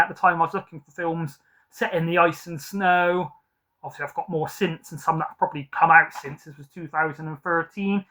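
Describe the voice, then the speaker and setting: A man's voice: high voice, sharp tone. A man casually ranking films from his collection at home, rambling and hesitant with many ums and self-corrections. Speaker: film collector vlogger. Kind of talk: casual film ranking chat.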